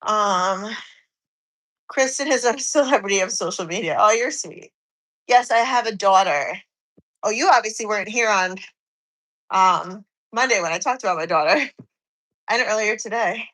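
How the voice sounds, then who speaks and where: A woman's voice: medium pitch, moderate pace, long pauses, fairly bright tone, rough recording. A woman in her forties, slightly out of breath from cardio, chatting on a live stream and reading viewers' comments aloud. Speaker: fitness streamer.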